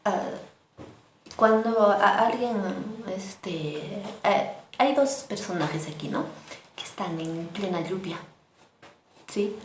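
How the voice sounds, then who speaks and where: Slow, patient woman teaching Aymara words. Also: medium pitch, lively intonation. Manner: slow and patient, repeats words for learners to echo. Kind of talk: online language lesson. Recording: echoey room with faint noise.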